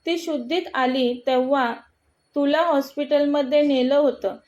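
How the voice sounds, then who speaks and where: A nervous young girl in a storybook reading, voiced by a woman narrator, hesitant and unsure of herself. Her voice sits high. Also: fairly even intonation, unhurried, a little mellow, muffled recording. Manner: hesitant, stammering.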